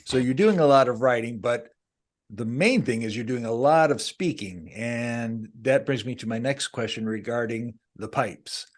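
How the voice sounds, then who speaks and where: A male podcast host puts questions to his guest in a friendly, easygoing way. He laughs easily, and his voice sits at an ordinary middle pitch. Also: moderate pace, faint music behind. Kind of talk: interview questions.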